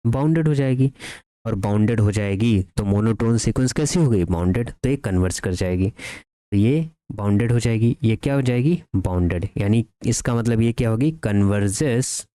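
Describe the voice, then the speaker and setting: A man with a lowish, mellow voice gives a math lecture in a mix of Hindi and English, dictating theorems slowly word by word. He asks his students questions and then answers them himself, and there's no echo.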